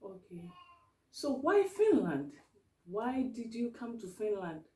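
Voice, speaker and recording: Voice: medium pitch, big pitch swings, slow pace, dark tone, reverberant, recorded from a distance. A talk show host asking short probing questions, often saying okay. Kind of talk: casual interview.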